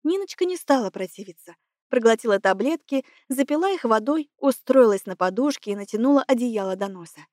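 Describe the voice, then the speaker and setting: Woman reading an audiobook, high voice, dry close mic. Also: lively intonation, fairly quick, darkish tone, no room sound. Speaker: audiobook narrator. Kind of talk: scripted narration.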